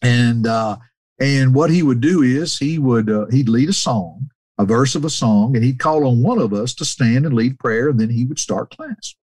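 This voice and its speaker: A man's voice: mid-range voice, lively intonation, moderate pace, a little mellow, breathy edge, dry recording. A man telling casual stories, often restarting sentences and raising his voice to mimic the people he quotes. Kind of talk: casual anecdotal storytelling.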